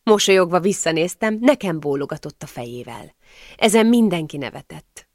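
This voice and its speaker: Woman narrator, lowish voice, gravelly edges, dry close sound, storybook reading. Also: lively intonation, a little mellow, no echo. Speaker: audiobook narrator. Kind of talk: scripted narration of a historical novel.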